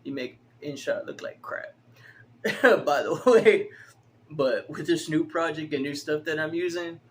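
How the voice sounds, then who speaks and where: A man's voice: fairly high pitch, measured pace, slight background noise. A man in his early forties rambling casually to the camera, swearing freely and laughing through his stories. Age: 40s. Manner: profane, laughs often, animated storytelling. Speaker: vlogger.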